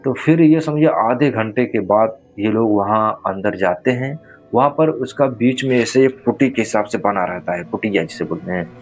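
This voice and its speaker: A man's voice: on the low side, moderate pace, soft background music. A man narrating a horror story in a casual, conversational way, speaking straight to the listener. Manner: conversational, addresses listener directly.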